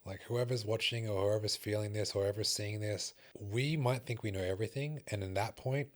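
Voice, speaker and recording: A young man with a fairly low voice talks in a casual podcast chat. He tells personal stories with raw emotion and curses freely, like a fitness coach opening up. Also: moderate pace. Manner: emotional storytelling with frequent swearing.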